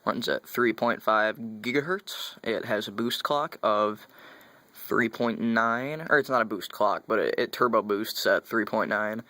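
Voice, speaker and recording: A man's voice: lowish voice, a little slow, bright, forceful tone, no echo. Rambling young man unboxing computer parts. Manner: rambling, self-correcting, chatty. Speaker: tech vlogger. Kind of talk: casual unboxing talk.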